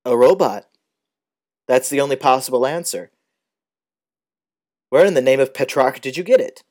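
A man's voice: medium pitch, moderate pace, a little mellow, voice pushed up, lightly acted. A man reading the lines of a gangling, sardonic older man in an audiobook, with a brusque and wry delivery. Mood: dry, wry.

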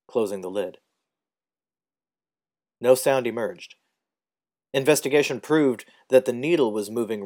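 A man narrating a story as an audiobook in a measured, steady way. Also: on the low side.

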